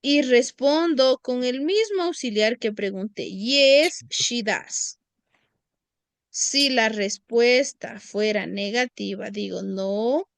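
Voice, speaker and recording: A woman English teacher giving a lesson, speaking slowly and patiently and repeating each phrase for her students. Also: a little high, gravelly, dry recording.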